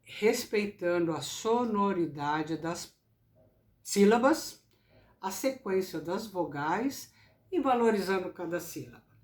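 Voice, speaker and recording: A woman teaching public speaking in a recorded lesson, speaking slowly and deliberately with careful articulation. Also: fairly low pitch, expressive, darkish tone. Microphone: camera. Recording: echoey room sound.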